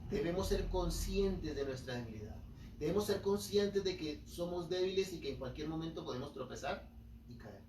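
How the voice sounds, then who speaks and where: Pastor, emphatic sermon, picked up from far off with faint room noise. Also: male voice, fairly high pitch, expressive, moderate pace, a little mellow, roomy sound. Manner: preaching with emphatic rises and acted-out quotes. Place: church hall.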